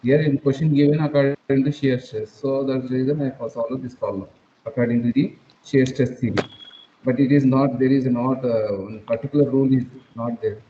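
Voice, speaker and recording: A man lecturing an online engineering class, captured as a screen recording, talking haltingly with repeated phrases and "uh" fillers. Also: mid-range voice, fairly even intonation, mellow. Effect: screen-recorded online class audio. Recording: dull lo-fi roomy sound with faint noise.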